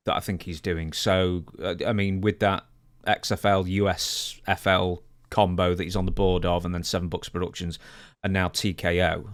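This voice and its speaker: In a small home studio, a young adult man co-hosts a podcast and chats casually about wrestling, his low voice recorded dry. He's speaking close into a broadcast microphone on a boom arm.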